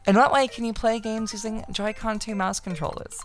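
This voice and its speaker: A woman streamer chatting casually on a live stream, excitable and swearing freely as she reads game text aloud. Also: a little high, a little fast, faint music behind.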